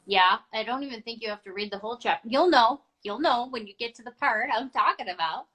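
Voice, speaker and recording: Chatty woman co-hosting a relaxed morning show, bright tone, laughs easily. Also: fairly high pitch, fast, low-quality recording. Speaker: podcast co-host. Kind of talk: casual live-stream chat.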